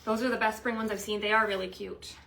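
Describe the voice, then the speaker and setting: A woman's voice: mid-range voice, flat delivery, fast talker, creaky, fairly bright tone, slight background noise, low-quality recording. A woman chatting casually at home while she works on a craft project, teasing her husband and laughing along. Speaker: craft livestream host. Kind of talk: casual craft livestream chat. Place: home workroom.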